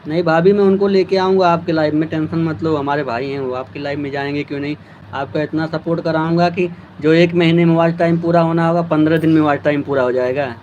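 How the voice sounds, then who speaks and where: A man's voice: on the high side, level tone, fast, a little mellow, muffled recording, a little hiss or hum. A man hosting a casual live stream, chatting with viewers by name, teasing them and thanking them for their support.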